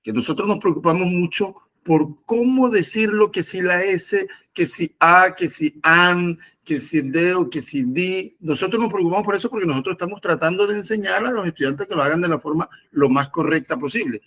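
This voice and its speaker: Husky man explaining a point. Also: sits high, moderate pace, few pauses, a bit bright. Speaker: teacher. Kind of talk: casual discussion.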